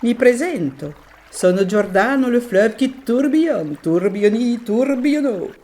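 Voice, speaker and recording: Woman doing a playful river guy, singsong, really lively. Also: a little high, a little slow, a little hiss or hum, pitched above the performer's own voice. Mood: grand. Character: swirling river spirit, male, grand and playful.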